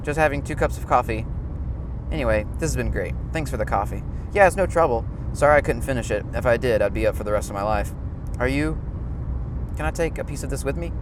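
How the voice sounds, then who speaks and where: A man reading a film script aloud inside a car, sometimes projecting loudly, with vehicle and wind noise behind him. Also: medium pitch.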